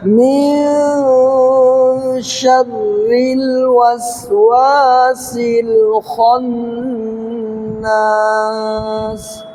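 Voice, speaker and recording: A male Quran teacher who explains recitation rules quickly and then recites each word slowly and drawn out. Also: extremely high pitch, long reverb tail, poor audio. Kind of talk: tajweed recitation lesson.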